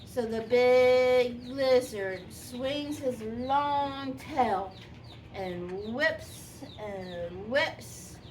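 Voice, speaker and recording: A woman voicing a sweet, gentle old granny who tells a children's story expressively, lingering on and repeating words. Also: fairly high pitch, drawn-out words. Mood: gentle, unhurried. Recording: distant microphone, faint background noise.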